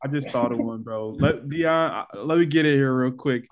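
A young man co-hosting a podcast in casual chat, mocking people with exaggerated mimicry. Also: normal speed. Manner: mocking mimicry, jumps high and loud in quoted bits. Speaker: podcast co-host.

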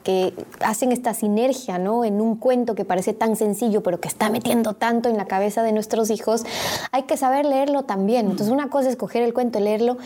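A woman interviewer who asks long, winding questions full of small pauses and fillers. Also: a little high, steady tone, dark tone.

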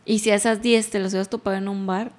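A woman with a Mexican accent in a relaxed conversation, talking freely and laughing easily. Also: mid-range voice, fast talker. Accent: Mexican Spanish. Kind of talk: casual chat.

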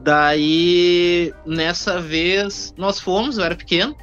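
A man, telling a childhood anecdote in a casual podcast chat, in a chatty, halting way. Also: high-pitched, steady tone, fairly bright tone. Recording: dull recording with faint music.

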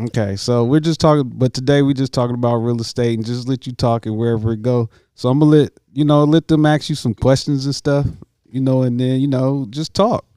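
A man hosts a casual podcast chat, with a mellow, darker tone. He talks in an easygoing, rambling way and laughs easily, recorded dry and close. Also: mid-range voice, steady tone, a little fast, dry recording. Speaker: podcast host, realtor.

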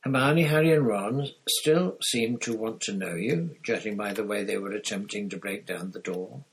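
Man reading as an old wizard headmaster, wry, measured, slightly husky, a bit higher than the reader's own voice, storybook. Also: low-quality recording. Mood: wry, kindly firm. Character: elderly male headmaster wizard, calm and wry.

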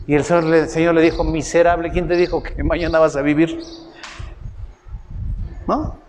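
A middle-aged man with a Mexican accent preaching a sermon, telling folksy personal stories and voicing quotes with lively tag questions. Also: normal speed, a little hiss or hum. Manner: folksy storytelling, voices quotes with rising pitch, tag questions. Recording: roomy hall with faint ambience.

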